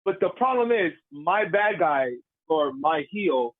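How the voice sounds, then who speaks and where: A man, a professional wrestler, telling stories in a casual interview, lively and laughing as he acts out the crowd's voices. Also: on the high side, slow pace, breathy edge, narrow, tinny audio. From Puerto Rican heritage.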